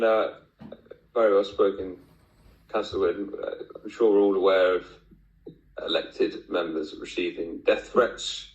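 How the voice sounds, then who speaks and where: A man chairing a formal meeting in a firm, insistent manner. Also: lowish voice. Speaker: committee chair. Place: indoor council meeting room. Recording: echoey meeting room, muffled lo-fi sound.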